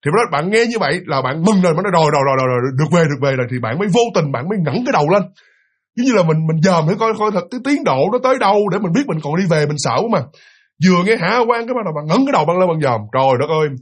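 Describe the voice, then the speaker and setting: A man with a high-sitting, husky voice rattles off a ghost story in rapid-fire fashion. He tells it casually and animatedly, full of fillers and repetitions, acting out the voices of the people he quotes.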